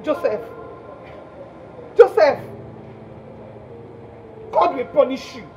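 An actress with a Nigerian accent plays a hot-tempered, theatrical jilted girlfriend in a comic relationship drama staged as a phone call. Her high, slightly mellow voice has lively intonation and moves extremely slowly, fully in character, as she curses furiously in an exclamatory, repetitive way. Slight background noise is present.

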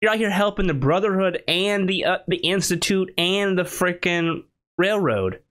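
A young man giving casual reaction commentary as a host, slangy and excitable. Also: sits high, normal speed. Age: young adult.

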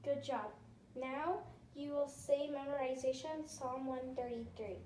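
A woman speaks from off camera as a competition examiner, giving short, clear instructions and encouraging praise. Her voice sits high but mellow. It is picked up by a phone camera across an indoor room, sounding distant and roomy with a faint hiss. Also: steady tone, measured pace. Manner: clear, encouraging, announcing each next item. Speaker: competition examiner prompting a child.

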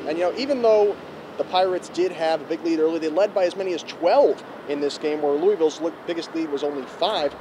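A young man reporting a postgame recap outdoors on a handheld mic, brisk and stat-heavy. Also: fairly high pitch. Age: young adult. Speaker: student sports reporter. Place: outdoors in front of an arena. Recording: faint street noise outdoors.

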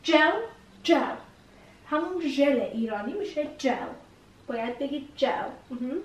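A woman's voice: high voice, expressive, darkish tone, distant mic, a little hiss or hum. A woman teaching English vocabulary, repeating each new word several times as she explains it. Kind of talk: vocabulary lesson. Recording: echoey room, voice a bit off-mic.

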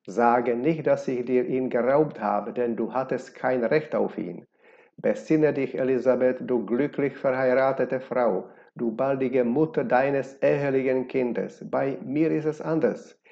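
A man's voice: medium pitch, unhurried, gravelly, mellow. A man reading as a defiant young woman. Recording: dull lo-fi recording.

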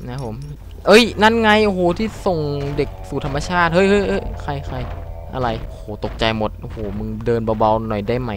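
A young man hosting a let's play video, commenting on his gameplay casually, swearing and swinging between startled shouts and low mutters. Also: very animated, brisk, faint music behind. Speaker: gaming channel host.

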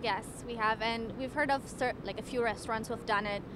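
A young woman from Ethiopia working as a waitress, answering street interview questions in a measured, polite way. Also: on the high side, steady tone. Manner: measured and polite, occasional stammered restarts. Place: outdoors on a city street. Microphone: handheld microphone held by interviewer. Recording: street noise outdoors.

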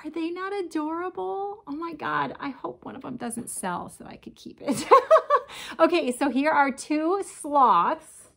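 A crochet vlogger in her forties shows off her crafts from her home kitchen in a casual show-and-tell chat, often addressing viewers as "you guys." Her voice sits high and is expressive, gravelly and fairly bright, with a slightly slow pace.

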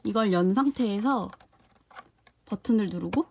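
Amid heavy background noise, a young woman with a medium-pitched, slightly slow, creaky voice reviews a toy container in a casual unboxing vlog. She often gasps and exclaims with delight as she handles it.

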